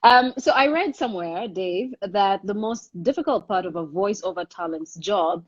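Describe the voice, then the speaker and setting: A woman hosting a casual interview on a live call, who laughs quickly and repeats her words as she asks questions. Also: medium pitch, animated, husky. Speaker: host. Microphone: Instagram live call. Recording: dull lo-fi live stream audio.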